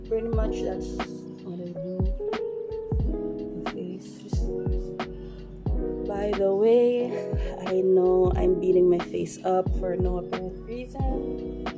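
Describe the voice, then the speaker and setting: A Filipino beauty vlogger with a mid-range voice does a casual get-ready-with-me makeup talk in her bedroom, speaking slowly and self-consciously with lots of rambling and restarts. She records on a phone camera held at arm's length, with background music playing.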